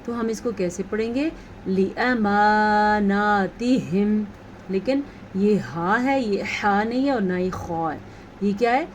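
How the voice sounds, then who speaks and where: A woman teaching a tajweed lesson, explaining rules patiently and reciting words slowly. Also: medium pitch, expressive, darkish tone, slight background noise.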